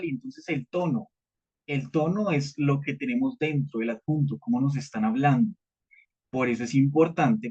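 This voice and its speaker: A man teaching a live training session, casual and conversational, often pausing to ask the group whether they follow. His voice is somewhat husky and mid-pitched. The audio is dull and lo-fi. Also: a little mellow. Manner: conversational teaching, frequent "¿listo?" checks, repeated fillers. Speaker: cybersecurity trainer.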